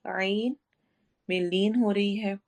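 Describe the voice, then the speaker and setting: Woman teaching Quran recitation, flat voice. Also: mid-range voice. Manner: slow drawn-out recitation, then steady explaining. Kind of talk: tajweed lesson, slow recitation and explanation.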